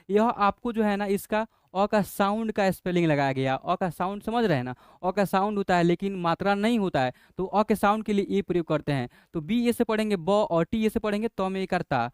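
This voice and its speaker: A man's voice: high voice, clean tone, no room sound, clean studio sound. A man teaching a spelling lesson to children, patiently repeating each point. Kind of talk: explaining a language lesson.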